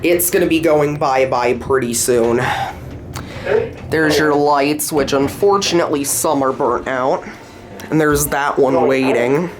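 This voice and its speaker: A man with a slightly high voice films hotel elevators on a handheld camera, narrating casually at a measured pace and pointing things out as he rides. He moves through the elevators and hallway indoors, with crowd noise in the background.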